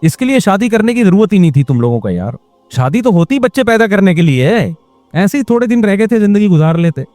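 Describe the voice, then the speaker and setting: A man's voice: high voice, sing-song, darkish tone, dry recording, faint music behind. A man giving a chatty, scolding sermon with rhetorical questions and acted-out quotes. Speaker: Islamic scholar giving a talk. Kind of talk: conversational sermon.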